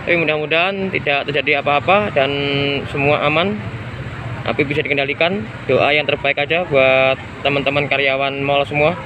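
At night outdoors on a busy street, a citizen reporter vlogger films a mall fire on his phone and gives an on-the-spot video report. His voice is a little high, his speed normal, and the audio dull, with loud street noise picked up by the handheld phone camera. He speaks urgently, repeats himself, and addresses his viewers as friends.

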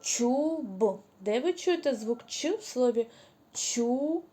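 A woman leads a preschool class through a reading lesson. Her voice sits fairly high and she speaks slowly, stretching out each syllable as she models words. She praises the children in a cheerful, encouraging tone. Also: lively intonation, mellow, slight background noise. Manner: slow, drawn-out syllables when modeling words. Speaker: kindergarten teacher.

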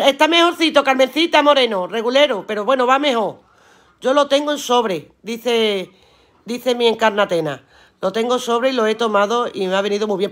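Reading viewers' comments out during a casual live-stream sale, this woman is chatty and down-to-earth, laughing often and swearing without a second thought. She has a fairly high, somewhat bright voice.

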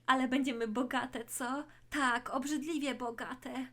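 A woman's voice: high-pitched, fairly even intonation, measured pace, pushed and bright, exaggerated voice. A woman doing pushy greedy twin thieves. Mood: scheming. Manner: pushy, wheedling. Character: greedy scheming adult twin sisters, thieves. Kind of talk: toy play storytelling.

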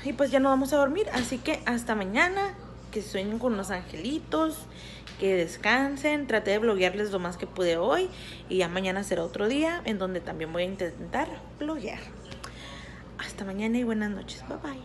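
A woman in her thirties filming a family vlog on her phone, chatting straight to her viewers and gently correcting the kids along the way. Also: mid-range voice, lively intonation, moderate pace. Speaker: family vlogger. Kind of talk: casual vlog chat to viewers. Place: car at night, shopping mall, home kitchen. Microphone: phone held at arm's length. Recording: loud crowd and background noise.

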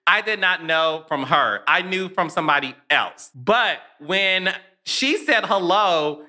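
Man, podcast host, very bright voice, higher pitch, animated gossip storytelling. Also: takes it slowly. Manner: animated, laughs often, storytelling. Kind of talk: casual gossip chat.

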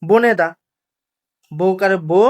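A woman's voice: medium pitch, slow, a little mellow. Patient woman teaching step by step. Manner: patient, asks questions and repeats the answers. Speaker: language teacher. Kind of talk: step-by-step classroom lesson.

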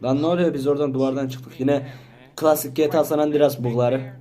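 A man hosting a gaming channel, giving casual let's-play commentary and bantering excitably with the characters on screen. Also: mid-range voice, a little fast.

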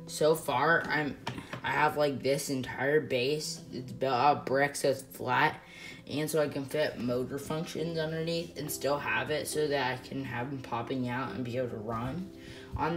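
A woman chatting casually through a Lego build vlog, rambling and hesitant with lots of fillers. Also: rumbling low. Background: guitar music.

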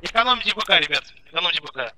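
A man with a high, expressive voice races through curt, profanity-laced orders as a squad leader on tactical in-game voice chat. The chat is noisy, with gunfire audible behind him.

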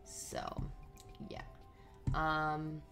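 A woman's voice: sits low, monotone, very slow, music in the background. A woman giving casual running commentary while playing a life-simulation game, chatting to the characters on screen. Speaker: let's play host.

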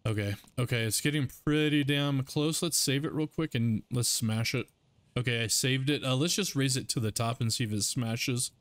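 A man hosting a gaming channel, chatting casually and excitedly over his gameplay and laughing often. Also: mid-range voice, normal speed, no echo. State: hiccups.

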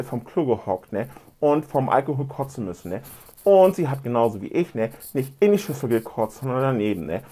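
Warm in tone and pitched mid-range, the man sounds like a comedian on an imaginary phone line. His one-sided monologue wanders, grumbles with indignation, and keeps tagging phrases with an inquiring "ne".

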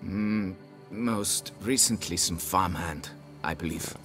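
A man's voice: sits low, takes it slowly, music in the background. A pompous snobbish nobleman. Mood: grudging. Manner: haughty, condescending, fussy about his title. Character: pompous snobbish middle-aged male nobleman, vineyard owner. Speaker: client hiring a witcher.

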